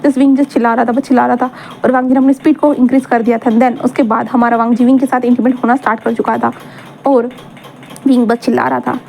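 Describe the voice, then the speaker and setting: A woman's voice: a little high, level tone, fast talker, vocal fry, darkish tone, a little hiss or hum. A woman narrating a fan story in a casual, chatty way, rambling and correcting herself as she goes.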